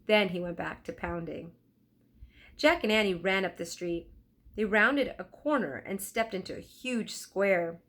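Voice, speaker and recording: A woman, reading aloud as a teacher, narrates a children's storybook with a mid-range voice. Her storytelling is expressive and deliberate.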